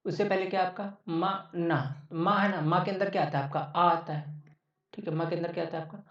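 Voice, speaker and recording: A man's voice: high-pitched, fairly even intonation, brisk, fairly bright tone. Man teaching, roomy distant lo-fi sound. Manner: repeats each point, asks and answers his own questions. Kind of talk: online exam-prep lecture.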